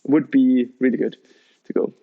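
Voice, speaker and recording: A man's voice: mid-range voice, steady tone, normal speed, gravelly, phone-quality sound. A young man in his twenties, a BMX rider guest, chatting loosely about himself with slightly phrasing. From Switzerland. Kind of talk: casual interview.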